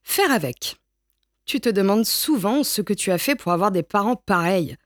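A woman reading a children's storybook aloud with gentle, expressive storytelling. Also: medium pitch, moderate pace, no echo, clean studio sound. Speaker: storybook reader. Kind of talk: read-aloud picture book narration.

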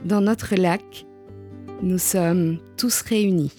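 A woman reading a children's picture book aloud in a slow, gentle storytelling manner. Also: lowish voice, steady tone, loud music behind the voice. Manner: slow, gentle storytelling with lifted voices for the brother. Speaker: storybook reader.

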